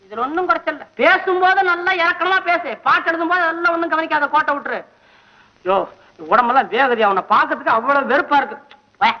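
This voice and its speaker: An actor playing a poor, fretful temple poet who whines and grumbles to himself in a comic 1960s film scene. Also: male voice, extremely high pitch, a little fast. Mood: bickering. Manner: whiny, grumbling, talks to himself. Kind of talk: 1960s Tamil film comedy acting. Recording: muffled 1960s film soundtrack.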